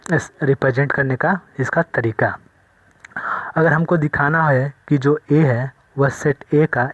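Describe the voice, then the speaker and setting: A man giving a maths lesson at a board, explaining step by step slowly and often checking that the class follows. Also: medium pitch, no room sound, highs cut off. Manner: slow, repetitive explaining with frequent check-ins. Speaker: maths teacher.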